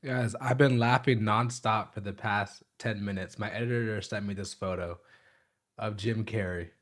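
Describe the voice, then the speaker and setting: A man's voice: fairly low pitch, fairly even intonation, moderate pace. Laughing slangy male streamer. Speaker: streamer host. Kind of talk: casual live commentary.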